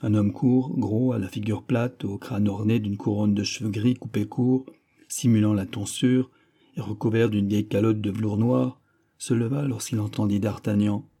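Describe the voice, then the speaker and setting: A man reading a classic novel as an audiobook, in an even storytelling narration. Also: on the low side, moderate pace, husky. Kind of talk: scripted narration.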